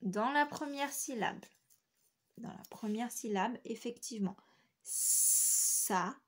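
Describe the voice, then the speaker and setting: A woman teacher giving a phonics lesson to young children, speaking clearly and repeating each word syllable by syllable. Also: fairly high pitch, measured pace. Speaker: schoolteacher.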